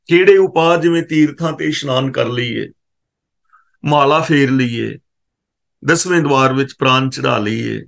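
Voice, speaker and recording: A man from Punjab gives a katha scripture exposition, his voice sitting slightly high for a man. He chants each verse in a slow, drawn-out way, then explains it word by word in a teaching tone, pausing to correct how the words are pronounced. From Punjab, India.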